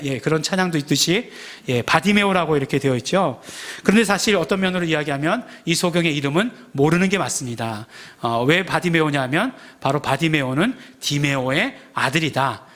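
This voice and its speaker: A man preaching a sermon as pastor, in a conversational manner full of rhetorical questions and acted-out quotes. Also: fairly high pitch. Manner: acts out shouted quotes of the crowd. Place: church sanctuary.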